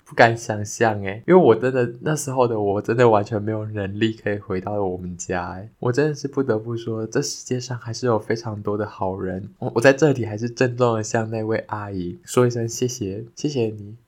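A young man hosting a podcast, telling a childhood story in a casual, animated way that turns sincere when he gives thanks. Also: a little fast, hardly any pauses. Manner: animated, jumps higher when retelling the scary parts. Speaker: podcast host.

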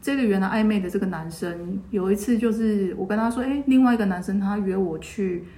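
A woman in her thirties, speaking at an ordinary middle pitch, tells a personal story to her co-host. She slips into other people's voices as she quotes them, and her pitch springs upward each time. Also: a little fast, roomy sound. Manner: lively retelling, acting out quoted voices with pitch jumps. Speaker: podcast co-host. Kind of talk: casual storytelling chat.

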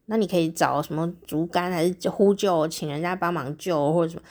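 A woman hosting a casual chat show, telling a story in a chatty, lively way with drawn-out particles. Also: on the low side. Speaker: podcast host.

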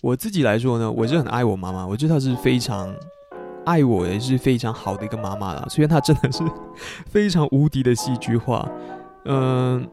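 Brief: young male podcaster, mid-pitched, easygoing and self-deprecating, faint music bed. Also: fairly quick. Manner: chatty, self-mocking, laughs often. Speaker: podcast host. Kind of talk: casual storytelling monologue.

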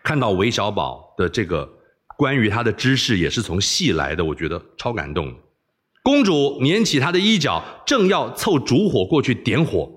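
Animated storyteller man. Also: medium pitch, slightly rough. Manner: animated, expressive.

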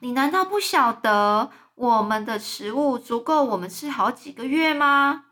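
A woman voicing a clever, patient young boy in a storybook reading, reassuring and calm. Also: a little high, a little slow.

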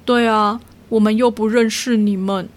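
A woman voicing a sensible, gentle owl who speaks in a calm, earnest way in a children's storybook. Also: on the high side, moderate pace, lightly acted.

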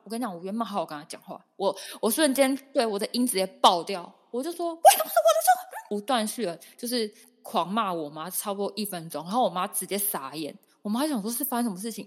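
A woman in her thirties telling a personal story in casual chat, emphatic and animated, often acting out what others said. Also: medium pitch. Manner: animated, emphatic, acts out quotes. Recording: echoey room with long reverb.

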